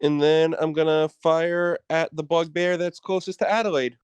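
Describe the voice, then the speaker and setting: Quick, playfully argumentative game player. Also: medium pitch, fairly even intonation, clean tone, no echo. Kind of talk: tabletop game play.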